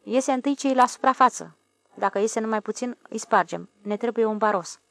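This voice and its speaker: A woman's voice: fairly high pitch, dry recording, natural voice. A woman reading aloud and voicing a know-it-all boy ringleader who explains things in a scornful, lecturing way.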